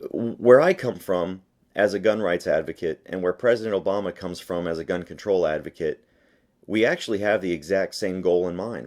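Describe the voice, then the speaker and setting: Over a phone line, a low-pitched man with a darkish tone argues his answers in an interview, pressing his points emphatically and insistently. He is a guest on the show and an advocate for gun rights.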